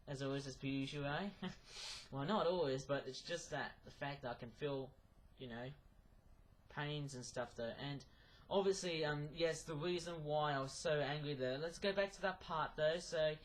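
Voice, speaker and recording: A man's voice: on the high side, poor audio. A man chatting casually in a rambling vlog, hesitating and repeating himself as he goes. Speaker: YouTube vlogger.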